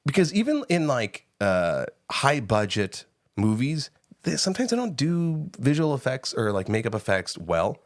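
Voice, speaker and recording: A man co-hosting a podcast, giving a casual, animated movie review with frequent swearing and laughter, close on the mic. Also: medium pitch, moderate pace, no room sound. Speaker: podcast co-host. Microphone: close studio mic.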